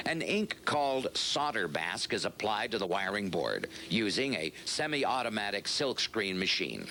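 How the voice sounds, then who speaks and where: A man reads scripted narration for a vintage industrial training film in a measured, instructional, explanatory way. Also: mid-range voice, fairly bright tone, slight background noise.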